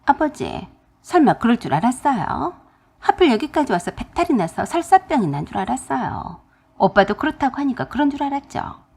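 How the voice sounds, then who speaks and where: A woman's voice: high-pitched, very animated, normal speed, creaky, darkish tone, breathy edge, full character voice. A woman voicing a selfish sister-in-law who complains in a sarcastic tone for a radio drama. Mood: whiny.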